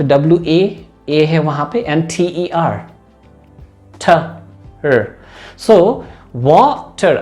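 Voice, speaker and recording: Man, pronunciation teacher, slow deliberate delivery, repeats words with exaggerated stress, faint music behind. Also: on the high side, darkish tone. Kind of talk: Hindi-English mixed lesson.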